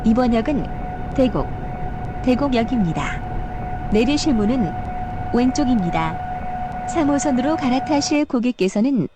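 A high-pitched woman's voice delivers a recorded train station announcement, formal and polite in an even rhythm. The running noise of a train carriage sits clearly underneath her. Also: a little slow, long pauses. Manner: formal, evenly paced, polite. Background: train and vehicle noise.

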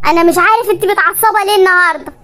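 A testy, grumbling Egyptian cartoon husband, put on by a woman, quick-talking and scolding his wife. The voice stays high and bright despite the gruff manner. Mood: embarrassed. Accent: Egyptian Arabic. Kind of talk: cartoon comedy voice acting.

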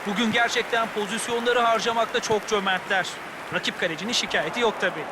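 A man works as a football co-commentator, speaking in a very high-pitched voice. He offers analysis of the match with clear stadium noise behind him. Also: steady tone, quick pace.

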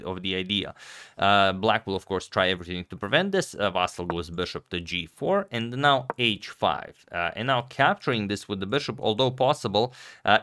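Deep-voiced male chess commentator, crisp and bright. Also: dry recording, clean studio sound. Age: middle-aged. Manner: explanatory, informal, addressing viewers directly. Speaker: chess commentator, video host. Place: home room, indoors. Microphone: desk microphone close to the speaker.

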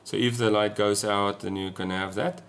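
This Afrikaans-accented South African, a sailing vlogger in his forties, gives casual explanations to camera in a small room at home. He speaks on the low side in a steady, somewhat bright tone at normal speed, with slight background noise.

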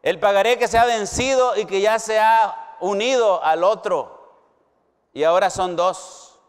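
A middle-aged man with a Mexican Spanish accent preaching a sermon as a pastor, slow and emphatic, with dramatic pauses and big swings from loud to hushed. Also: sits high, clean tone. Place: university hall or chapel. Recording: long hall reverb.

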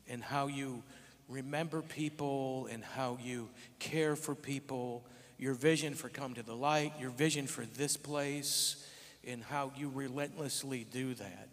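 Emphatic man on stage in a reverberant hall. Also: medium pitch. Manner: playful teasing, emphatic, emotional. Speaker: church member giving tribute. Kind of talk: joking then heartfelt tribute speech. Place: large church auditorium with live audience. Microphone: handheld mic, standing on stage.

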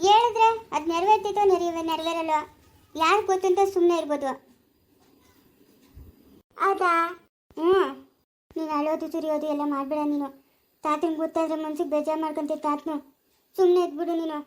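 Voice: very high-pitched, steady tone, brisk, long pauses. A performer in an amateur family skit playing a daughter who reassures her crying mother over and over. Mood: reassuring. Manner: soothing, reassuring and repetitive.

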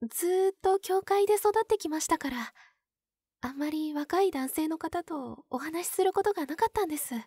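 A woman voicing a pure young nun who is sweetly possessive and obsessive, in a soft, polite ASMR role-play. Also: extremely high pitch, no echo, clean studio sound. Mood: wistful, shy. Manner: polite, soft, demure, lingering pauses.

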